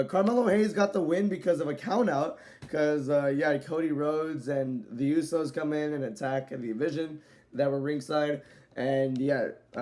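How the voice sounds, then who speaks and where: A casual male wrestling show reviewer with a mid-range, slightly mellow voice rambles through a video. His delivery is loose and peppered with "so, yeah" fillers, at times speeding up.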